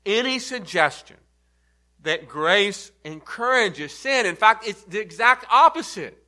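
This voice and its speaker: A man preaching a sermon, emphatic and building to forceful repeated stresses. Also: high-pitched, lively intonation, measured pace.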